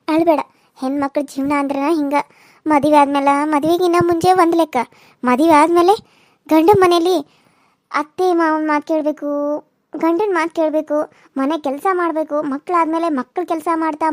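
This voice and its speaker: In a cartoon serial, a woman voices a caring older village woman who consoles and lectures a girl firmly and steadily. Her pitch is high, though a bit lower than the girl's, and her fairly quick delivery stays close to an everyday voice. The mic is dry and close with no room sound, and the mood is consoling.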